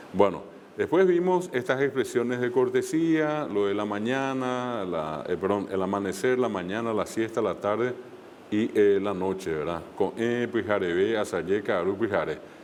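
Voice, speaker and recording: A man's voice: lowish voice, animated, measured pace, long reverb tail, slight background noise. A man teaching a language class online, explaining step by step with frequent fillers and repeated examples.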